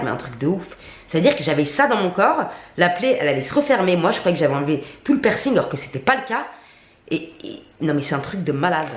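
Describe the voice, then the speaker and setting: A woman vlogger telling a storytime rant to camera, indignant, slangy and full of swearing. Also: fairly low pitch. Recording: echoey room.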